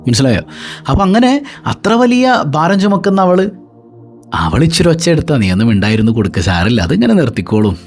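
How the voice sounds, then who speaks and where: A woman delivers an Islamic class talk with a lively, swooping voice. She keeps checking in with rhetorical questions. Faint music plays behind her. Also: on the low side. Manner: animated, often asks rhetorical check-in questions. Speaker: religious teacher.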